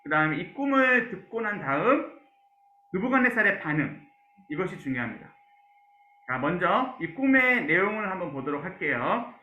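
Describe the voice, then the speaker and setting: Through a roomy, dull lo-fi recording, a man's high-pitched, sing-song voice moves at a moderate pace as he teaches an online Bible class. The pastor questions his class and fills his speech with "so" and "yes."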